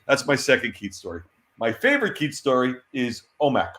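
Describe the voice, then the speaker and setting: A middle-aged man, a former comics editor, tells lively stories as an interview guest. He laughs often and repeats words when excited. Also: mid-range voice, fairly quick. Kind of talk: casual anecdotal storytelling. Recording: roomy echo.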